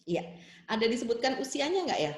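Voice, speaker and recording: A woman child psychologist answers a question during an online seminar, speaking over a video call from an echoey room. Her voice is fairly high, sing-song and brisk. She explains things step by step, uses plenty of tag fillers, and acts out soothing lines a parent might say.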